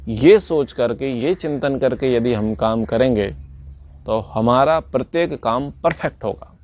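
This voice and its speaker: A man's voice: medium pitch, a little slow, a little mellow. A man teaching a scripture class in an earnest, sermon-like way, repeating his points for emphasis. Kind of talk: sermon-like lesson.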